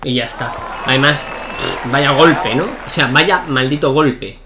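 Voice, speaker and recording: A young man giving excitable live commentary while playing a tennis video game, shouting at key points. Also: mid-range voice, a little slow, noisy background. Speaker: gaming YouTuber.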